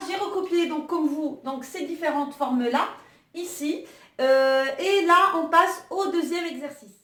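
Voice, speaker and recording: A woman teaching an online Arabic lesson, patient and unhurried, her explanations often broken by little hesitations. Her voice sits high, and it comes from a distance in a room with a noticeable echo. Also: fairly bright tone.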